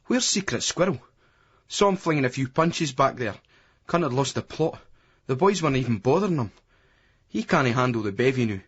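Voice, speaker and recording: A man's voice: medium pitch, animated, a little fast, long pauses, fairly bright tone, husky. A man voicing a cocky, rowdy young Scottish lad who mocks his friends in a jeering, sing-song way, on a dull lo-fi recording. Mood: gossiping.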